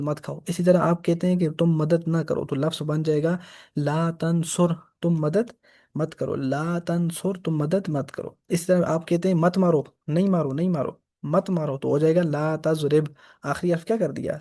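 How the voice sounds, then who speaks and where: A man's voice: on the high side, mellow. A man teaching Arabic grammar for reading the Quran, patiently repeating each example. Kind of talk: grammar lesson.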